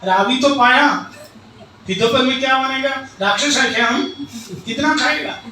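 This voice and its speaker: A man putting on a shrill scolding old wife. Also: normal speed, sharp tone, a little hiss or hum, full character voice. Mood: indignant. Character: indignant stubborn old wife. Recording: echoey hall, distant mic.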